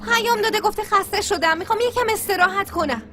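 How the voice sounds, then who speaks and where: A woman dubbing a fretful, exasperated young woman in a TV drama. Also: extremely high pitch. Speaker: dubbing actor. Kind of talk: dubbed TV drama. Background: music.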